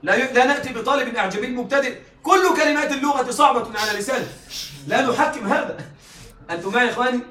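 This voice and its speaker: A man's voice: extremely high pitch, racing, bright, forceful tone. A male teacher giving a classroom lecture, often checking that his students are following. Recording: echoey room, mic far off.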